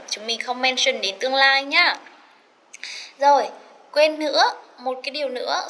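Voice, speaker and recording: A woman teaching an English lesson, chatty and encouraging, slowly repeating words to drill their pronunciation and mixing in English phrases. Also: high-pitched, sharp tone, a little hiss or hum. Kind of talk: recorded classroom lesson.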